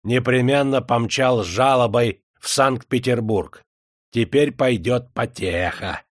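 A man voicing a spiteful, gruff older uncle. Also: mid-range voice, measured pace, no echo, studio quality, natural voice. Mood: gloating. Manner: gruff, sour.

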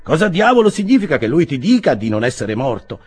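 A man voicing a blunt old country gentleman in an audiobook. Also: a little high, huge pitch swings, quick pace, husky, voice pushed up, exaggerated voice. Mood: gruff. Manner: blunt, brusque.

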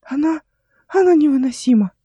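Man putting on a shrill hysterical old uncle. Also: expressive, moderate pace, dark tone, no room sound, highs cut off. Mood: indignant. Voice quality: squeaky, shrill. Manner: shrieking, flustered. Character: nervous fussy older male uncle, hysterical.

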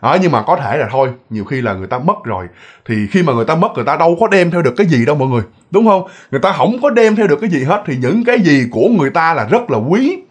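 Speaking rapid-fire with a breathy edge, a man whose slightly high voice swings widely in pitch tells ghost stories in a Southern Vietnamese accent. His casual narration is chatty, repetitive, and addressed straight to listeners.

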